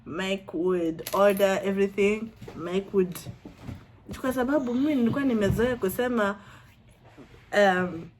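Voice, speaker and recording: A woman's voice: medium pitch, a little slow, a little hiss or hum. A young woman from Kenya with a Kenyan accent, chatting casually as a vlogger, playful and laughing often, dropping in Swahili. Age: young adult. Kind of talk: casual chat.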